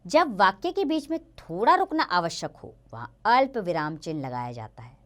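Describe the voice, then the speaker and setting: A woman's voice: on the low side, sing-song, normal speed, fairly bright tone. A woman teaching a grammar lesson to children, reading example sentences aloud with sing-song emphasis.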